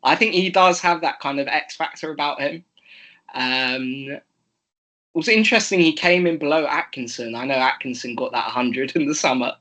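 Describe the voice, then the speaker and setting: A young man co-hosting a casual sports chat, chatty and quick to laugh, with fillers and restarts. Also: on the high side, pushed and bright. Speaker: co-host.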